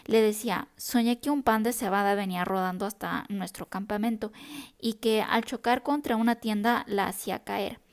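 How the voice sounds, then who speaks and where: A woman reading a Bible passage aloud in a steady, unhurried devotional style, now and then correcting herself. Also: medium pitch. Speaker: Bible reader.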